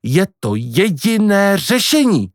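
Man doing a calm middle-aged mom, serious and measured, a bit higher than his own voice, dry sound. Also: dry recording.

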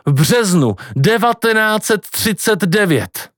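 A man's voice: high voice, lively intonation, fairly bright tone, no echo, studio quality, voice pushed up. A man voicing a chatty older woman in a pub who makes knowing remarks.

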